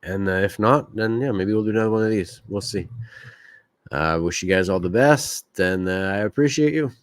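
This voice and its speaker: In a clean, dry studio recording, a Quebec man hosts a casual one-person podcast, speaking openly and rambling with fillers. His voice is lowish and he talks slightly fast.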